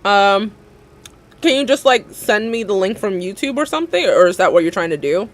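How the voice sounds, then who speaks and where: Talking to her live audience at a moderate pace, this young woman has a medium-pitched, expressive voice. Her casual chat wanders, packed with filler words and frequent bursts of laughter.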